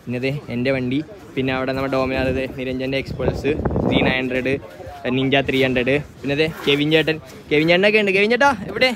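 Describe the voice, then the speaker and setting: A man's voice: medium pitch, brisk, crowd noise. A Malayali man chatting casually as a motorcycle vlogger, switching between Malayalam and English words and phrases. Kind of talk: casual vlog chat. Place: outdoors at a roadside and riding a motorbike. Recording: loud outdoor traffic and engine noise.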